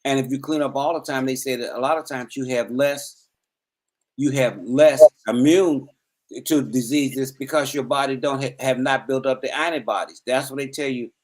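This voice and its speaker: A man's voice: mid-range voice, steady tone, normal speed, low-quality recording. A man co-hosting a casual chat, explaining his point earnestly and at length, often repeating words as he goes. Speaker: co-host.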